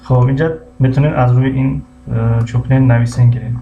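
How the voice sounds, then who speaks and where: A man with a Tajik accent teaching English on a live stream, repeating each word slowly and greeting viewers by name. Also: medium pitch, fairly even intonation, creaky. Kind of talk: live-streamed language lesson. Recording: muffled lo-fi stream audio with faint hum.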